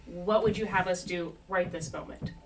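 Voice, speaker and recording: A woman playing a calm, practical adventurer woman in a tabletop game, speaking in a measured, reasonable way. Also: lowish voice, faint music behind, natural voice. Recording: distant mic with faint noise.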